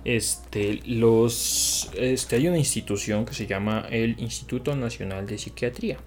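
A man's voice: mid-range voice, measured pace. A young man with a Mexican accent, co-hosting a podcast in casual chat, slangy and swearing freely. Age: young adult. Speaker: podcast co-host.

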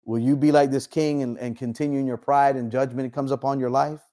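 A man preaching a sermon, reading scripture slowly and urging his listeners with rising intensity. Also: medium pitch, flat delivery, mellow. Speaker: pastor.

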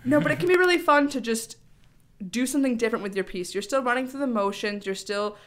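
A woman's voice: on the high side, quick pace, fairly bright tone. A woman speech coach co-hosting a podcast, chatting in an upbeat way with many fillers. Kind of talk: casual podcast chat.

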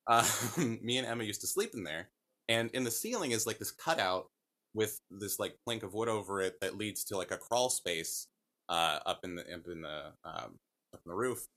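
A man's voice: lowish voice, lively intonation, normal speed, pushed and bright. A man telling his own ghost stories casually as a podcast guest, rambling and correcting himself with lots of fillers. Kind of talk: casual storytelling.

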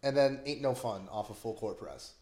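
A man's voice: medium pitch, moderate pace, warm tone, roomy sound. A man hosting a casual music podcast, talking enthusiastically with lots of fillers. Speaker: podcast host. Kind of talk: casual chat.

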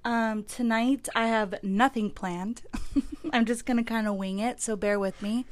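A young woman hosts a casual solo podcast, her voice a little high, steady and a little slow, nasal and congested with sniffles from a cold. She rambles candidly and informally, swearing as she goes. The recording is dry.

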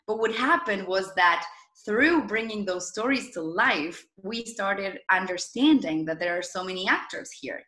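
A woman's voice: mid-range voice, expressive, measured pace, sharp tone, reverberant. A woman in her thirties from Argentina, a startup founder telling her story as an interview guest with eager enthusiasm. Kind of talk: video interview.

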